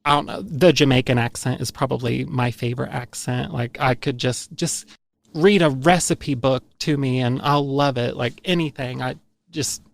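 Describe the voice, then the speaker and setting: A man's voice: medium pitch, steady tone, moderate pace, gravelly, dry recording. A man with an Appalachian accent, hosting a podcast in an enthusiastic, chatty storytelling manner. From United States. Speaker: podcast host. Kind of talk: casual podcast chat.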